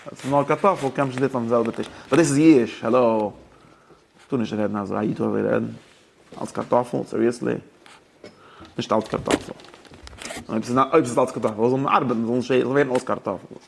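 Ein Mann hält einen lebhaften Lehrvortrag über religiöses Recht, mischt Deutsch, Englisch und Jiddisch und stellt seinen Zuhörern Fragen. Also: male voice, mid-range voice, fairly even intonation, fast, vocal fry, a little hiss or hum. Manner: mixes German, English and Yiddish with rabbinic terms; poses questions to listeners. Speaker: teacher of religious law. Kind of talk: lively study-hall lecture.

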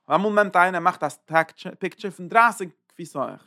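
A man's voice: sits high, a little fast, bright, forceful tone, dry recording, clean studio sound. A man teaching a Torah lecture, thinking aloud and searching for words as he explains. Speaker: religious teacher.

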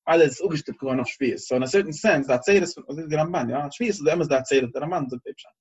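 A husky-voiced man teaches a Torah class, thinking out loud and circling back over his words as he reasons. The recording is dull and lo-fi. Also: fairly high pitch. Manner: halting, searching, repeats phrases while reasoning.

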